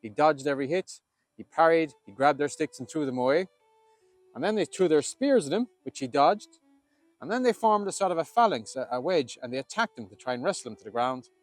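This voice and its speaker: A man's voice: on the high side, expressive, fairly quick, no echo. An Irish man tells an old legend in a lilting storyteller's manner. His delivery is dramatic and spoken as oral tale-telling. Instrumental music plays faintly behind him. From Ireland.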